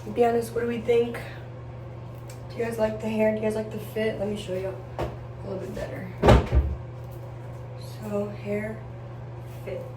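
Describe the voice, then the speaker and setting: A young woman vlogging indoors chats to camera in a rambling, slangy, girly get-ready-with-me video about lifestyle topics. Her mid-range voice is completely flat, moving at a moderate pace with frequent pauses, and the distant mic gives a roomy sound with faint background noise.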